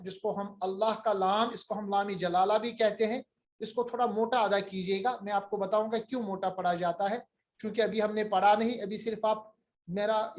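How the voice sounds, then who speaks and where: A man with a fairly high voice gives a recitation lesson at an unhurried pace. He chants each example word long and emphatically, repeats it, then explains it in a patient teaching tone.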